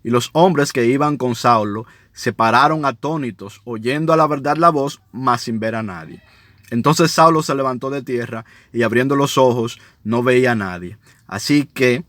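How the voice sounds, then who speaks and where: A man's voice: mid-range voice, fairly bright tone, no room sound. Male Bible teacher, mid-range voice, reads scripture and explains it conversationally, prompts listeners often; dry close recording. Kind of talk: Bible study teaching, reading scripture with commentary.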